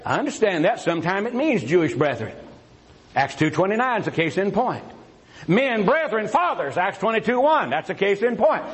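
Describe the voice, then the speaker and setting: A man in a formal religious debate, firing rhetorical questions and taunting his opponent, swinging between a raised voice and low asides. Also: big pitch swings, normal speed, rough recording.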